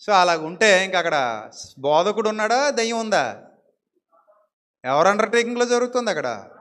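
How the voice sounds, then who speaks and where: Bright high-voiced man preaching. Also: very animated, normal speed, long reverb tail. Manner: conversational preaching with acted-out dialogue and rhetorical questions. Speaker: pastor. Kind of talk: sermon.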